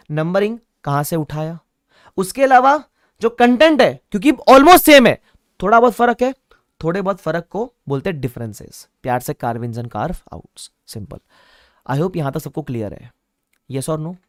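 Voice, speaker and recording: A man's voice: fairly high pitch, no room sound. Man, online class teacher, playful, repeats key points, dry close mic. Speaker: online exam-prep teacher. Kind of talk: lively classroom lecture.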